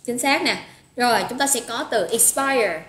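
Her voice is on the high side and a bit bright, delivered at a moderate pace as she cheerfully conducts a live online vocabulary lesson. She compliments students individually and drills pronunciation, in a room with echo and slight noise.

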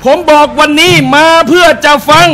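A man's voice: extremely high pitch, little pitch movement, moderate pace, pushed and bright, a little hiss or hum. A man preaching a sermon to a live audience, telling personal anecdotes and calling out to his listeners as brothers and sisters. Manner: tells personal anecdotes and acts out short quotes. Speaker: Islamic religious teacher. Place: restaurant hall with a live audience.

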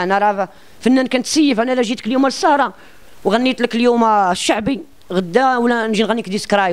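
A man with a Moroccan accent being interviewed about his singing, talking in a boastful and rambling way and often restarting his words. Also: high voice. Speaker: self-described singer being interviewed. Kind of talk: casual interview talk.

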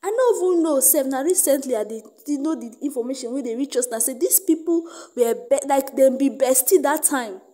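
Nigerian woman, gossip commentator; high-pitched, warm tone, emphatic Pidgin-laced delivery. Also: a little fast, hardly any pauses.

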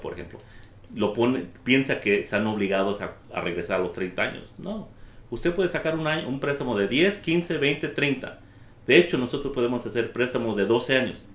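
A man appearing as a loan officer guest, explaining loan terms in a calm, matter-of-fact way. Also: medium pitch. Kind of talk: explaining loans in a studio talk. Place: studio in front of a slide screen. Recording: echoey studio room.

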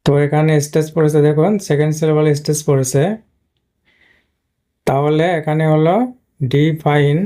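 A male English teacher talks through a lesson on screen. He explains patiently and repeats himself often. His voice is mellow and dark, and it stays on an even, flat pitch. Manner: patient, repetitive explaining with frequent "but" fillers. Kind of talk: screen-based video lesson.

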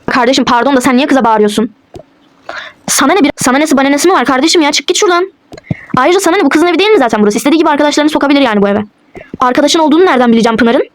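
A woman's voice: sits high, rapid-fire, natural voice. A woman voicing a cocky young man in a toy role-play, taunting and smug. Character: cocky young male lover, mocking.

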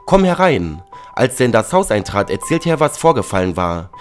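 A man narrating a dramatic story in a lively reading tone. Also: fairly low pitch, fairly quick. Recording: faint background music.

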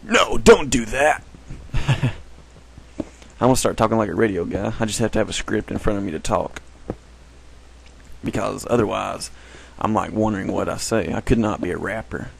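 A man's voice: fairly low pitch, fairly even intonation, brisk, creaky, slightly rough, low-quality recording. A man giving casual, rambling commentary while playing a game, often correcting himself. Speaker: gameplay commentator.

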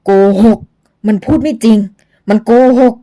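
A woman voicing a hoarse old male ghost. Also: unhurried, mellow, lightly acted. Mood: accusing. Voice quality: hoarse, raspy. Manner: blurting insistent warnings.

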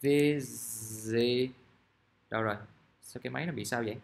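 A man, teaching English grammar in a casual, chatty way and reading example sentences out slowly. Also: medium pitch, fairly even intonation, creaky. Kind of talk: casual classroom explanation. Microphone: recording device at his desk.

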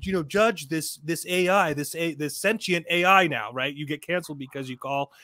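Reading articles on his livestream, a middle-aged man offers casual commentary that's emphatic and rambling, with frequent repetition. His voice is a little high and sharp, at normal speed, with no echo.

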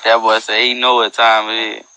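Speaking with a completely flat delivery, a young man with a fairly low-pitched voice hosts a livestream at night, boasting in loose street slang and freestyle rapping at a moderate pace. A crowd can be heard in the background. The poor audio is picked up by an earbud headset mic on his phone in a dim room.

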